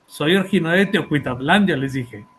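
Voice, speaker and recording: Presenting his book at an academic talk, an author and therapist with a Mexican accent hesitates often, using fillers, repeating words and checking in with the audience. His voice is on the high side, expressive, somewhat bright and fairly quick, over a faint hiss or hum.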